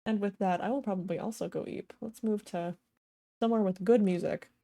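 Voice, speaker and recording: A woman's voice: mid-range voice, steady tone, brisk, creaky, warm tone. A young woman streaming a game, chatting casually and giggling as she talks to her chat. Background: faint game music.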